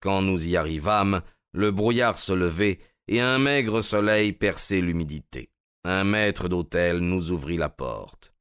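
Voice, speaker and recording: A man doing measured scripted narration of a classic detective story. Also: low-pitched, a bit bright, clear, resonant tone, no room sound, studio quality. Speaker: audiobook narrator.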